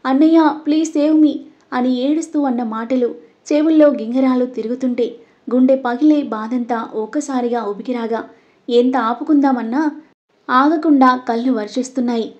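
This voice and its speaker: A woman reading an audio story aloud, voicing every character's lines in her own voice and getting louder for the dialogue. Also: sits high, moderate pace, dull audio. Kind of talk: scripted audio story narration.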